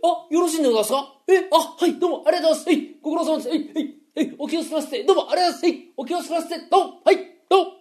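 A man doing a fawning young gambler. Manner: high, fast, eager and polite. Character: fawning young male gambler, overly grateful and bowing. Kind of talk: rakugo storytelling.

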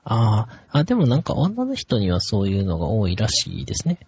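Husky, gravelly man with a Kansai accent. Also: fairly low pitch, huge pitch swings, fairly quick, a little mellow, dry recording. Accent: Kansai Japanese. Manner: easygoing, explaining. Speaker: podcast co-host. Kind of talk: casual podcast chat. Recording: dull, dry lo-fi recording.

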